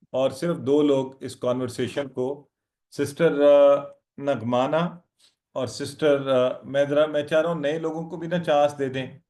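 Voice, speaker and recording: A man's voice: mid-range voice, a little mellow. A man teaching an online Arabic lesson, patient and encouraging as he drills his students. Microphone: video call.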